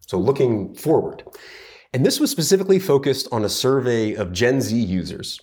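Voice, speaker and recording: A man's voice: medium pitch, animated, normal speed, a little mellow, slightly rough. A man co-hosting a podcast, talking through reports in a casual, analytical way, thoughtful and full of hedging fillers. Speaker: podcast co-host.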